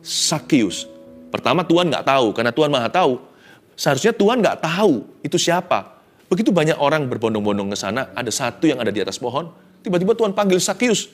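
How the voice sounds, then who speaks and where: A man preaching a sermon in an animated way, slipping English phrases into his talk. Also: fairly high pitch, quick pace. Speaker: pastor.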